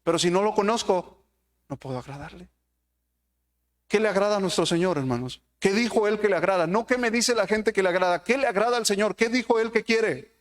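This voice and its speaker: A man preaches a sermon, addressing the congregation with one rhetorical question after another. His voice sits high for a man. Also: fairly quick. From Mexico.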